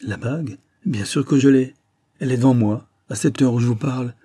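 Un homme qui joue un inspecteur de police calme, ironique et raffiné, dans un livre audio lu. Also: male voice, mid-range voice, fairly quick, breathy edge, no echo, clean studio sound. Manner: calm, ironic, gentlemanly.

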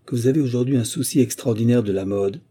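A man's voice: mid-range voice, quick pace, warm tone, breathy edge, close to an everyday voice. A man voicing a haughty, lean male detective in an audiobook reading, with lofty, theatrical delivery.

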